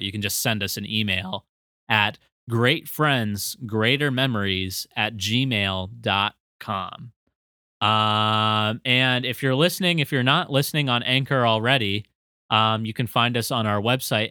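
A man's voice: medium pitch, pushed and bright, smooth, dry recording, clean studio sound. A man co-hosting a casual podcast chat, rambling and joking as he reads out the show's plugs. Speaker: podcast co-host.

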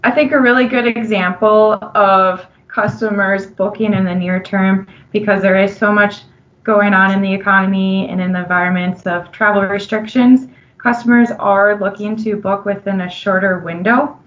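A woman's voice: mid-range voice, steady tone, moderate pace, fairly bright tone, highs cut off. Upbeat woman with a Minnesotan accent. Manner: friendly, upbeat, laughs easily. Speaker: customer analyst guest. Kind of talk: casual conversational interview.

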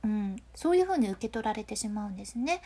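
A woman's voice: medium pitch, sing-song, fast talker, mellow, husky. A woman with a Hakata accent explains voice control in a casual, playful way, laughing often. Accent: Hakata dialect.

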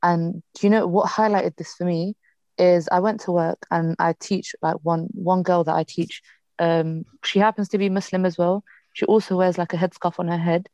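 Low, warm-voiced woman from Morocco. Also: moderate pace, dry recording. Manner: animated storyteller, acts out the people she quotes. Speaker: teacher and podcast co-host. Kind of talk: casual chat with storytelling.

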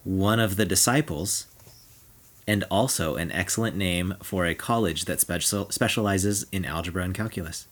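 Casual podcast host, male, slightly low voice, playful quiz-master tone. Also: moderate pace, a bit bright. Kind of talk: casual chat.

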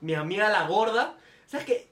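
A man's voice: high voice, normal speed, reverberant, distant mic. A young man hosting a podcast, telling comic stories in casual chat and acting out the people in them. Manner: animated storytelling, slips into quoted voices. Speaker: podcast host.

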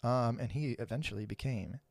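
Male podcast co-host, mid-pitched, casual and jokey, dry studio sound. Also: brisk, a little mellow, no room sound. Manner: laid-back, laughs often, swears casually.

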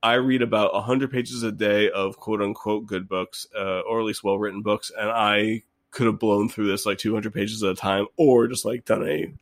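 A man's voice: on the low side, fairly even intonation, moderate pace, few pauses. A man co-hosting a casual book podcast, joking and rambling with frequent restarts. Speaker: podcast co-host.

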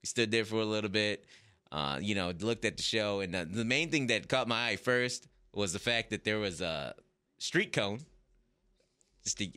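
Male podcast host, casual storyteller, lively pitch, bright tone, laughs a lot. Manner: animated, laughs often, acts out whispers.

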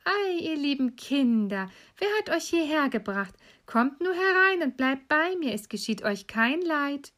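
A woman voicing a wicked old witch who talks drawn-out and shrill, with mocking cackles. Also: big pitch swings, fairly bright tone, full character voice. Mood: sweetly luring.

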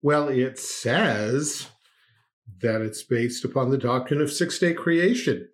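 A man co-hosting a conversational podcast, speaking at a mid pitch. He slips into dry sarcasm, laughs in the middle of his sentences and often restarts his thoughts. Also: slow. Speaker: podcast co-host. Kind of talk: casual podcast discussion.

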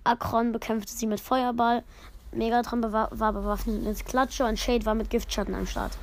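A woman with a slightly high voice reads her own story aloud. She speaks to her viewers in rambling asides and corrects herself as she goes. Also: flat delivery, normal speed.

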